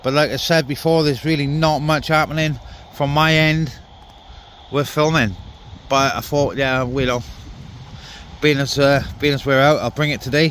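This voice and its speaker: In a casual vlog, an outdoor CB radio enthusiast talks informally to his audience while dealing with gear at a wet forest camp, muttering asides now and then. His voice is a little high with a fairly bright tone, and background noise comes through clearly on the outdoor camera.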